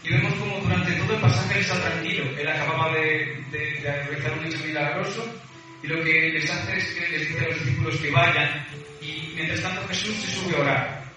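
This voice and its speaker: Echoey preacher in a hall. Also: male voice, on the high side, steady tone, brisk, distant mic, over music. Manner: reads scripture aloud, addresses the congregation; hesitant fillers between phrases. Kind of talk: sermon.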